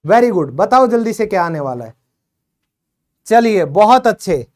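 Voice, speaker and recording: A woman teaching English in a video lesson, quizzing her learners and urging quick answers, repeating each word slowly for drill. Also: medium pitch, big pitch swings, a little mellow. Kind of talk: classroom-style video lesson.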